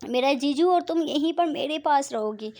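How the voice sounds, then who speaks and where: A woman voicing a middle-aged aunt who talks loudly and scolds her sister, in a storybook reading. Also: high-pitched, animated, moderate pace. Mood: insistent. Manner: loud, scolding.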